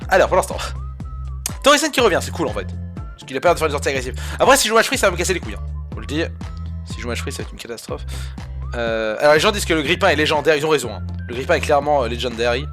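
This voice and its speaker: Sarcastic swearing streamer, lively pitch. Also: male voice, rapid-fire, soft background music. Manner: sarcastic, swearing, talks straight to viewers; jumps from loud outbursts to low mutters. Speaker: game streamer. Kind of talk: live-stream game commentary.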